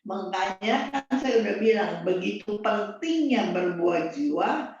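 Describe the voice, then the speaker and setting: Female preacher, middle-aged, slow and blunt, far from the mic in a dull, boomy hall. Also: animated, darkish tone. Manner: emphatic and blunt, repeats key phrases. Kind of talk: sermon. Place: church hall. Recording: distant, dull, very echoey room.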